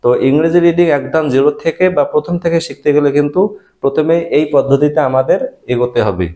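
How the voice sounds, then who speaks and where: A man teaching a beginner English reading class. He spells out letters, sounds out each syllable and repeats words slowly, checking in often. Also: fairly high pitch, dark tone. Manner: patient, repeats each word slowly, checks in with "all right?". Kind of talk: step-by-step phonics lesson.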